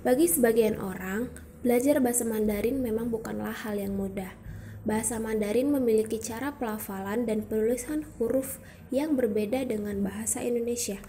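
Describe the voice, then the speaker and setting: A woman's voice: on the high side, warm tone, a little hiss or hum. A young woman presenting a student educational video, explaining patiently step by step and demonstrating sounds aloud.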